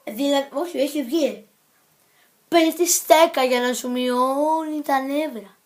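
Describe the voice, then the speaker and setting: A woman talking to the camera in a casual vlog, rambling playfully, jumping between topics and correcting herself. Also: high-pitched. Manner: scattered, jumps between topics and self-corrects; playful and silly. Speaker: vlogger.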